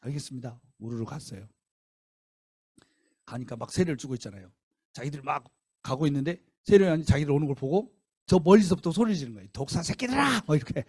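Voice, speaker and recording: A man preaching a revival sermon in a church, telling the story with lively rhetorical questions. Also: fairly high pitch, fast, long pauses, slightly rough, no room sound, studio quality. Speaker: guest missionary preacher. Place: church sanctuary.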